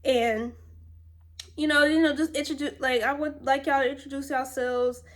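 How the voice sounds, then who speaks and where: A woman in her twenties from Virginia chats her way through a personal story. Her voice sits a little high, and her telling is loose and rambling, packed with fillers and side comments. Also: fairly even intonation, normal speed. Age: 20s. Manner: rambling and chatty, with many fillers. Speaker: vlogger. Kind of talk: casual storytime.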